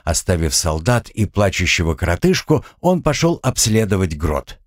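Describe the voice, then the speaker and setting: Low guy reading an audiobook, lots of rise and fall, dry close sound. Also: very animated, moderate pace, dry recording. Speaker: audiobook narrator. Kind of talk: scripted narration.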